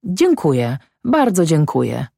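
Woman doing a silly posh young gent, chirpy and high, lively, dry close mic. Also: unhurried, vocal fry, slightly rough, dry recording, heavily acted. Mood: cheerful. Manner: affected, cheerful gentry speech. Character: foppish young gentleman rider, clumsy, jovial.

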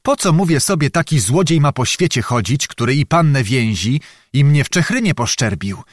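Servant role: shrewd, unhurried young man, read by a male narrator, lifted, animated delivery in a dry booth. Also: medium pitch, no room sound, lightly acted. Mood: sly. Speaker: storyteller within the tale.

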